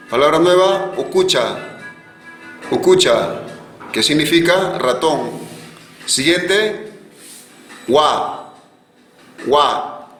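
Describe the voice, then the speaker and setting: A man teaching a virtual language class, slowly repeating each word so learners can echo it. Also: a little high, a bit bright. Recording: echoey room with faint music.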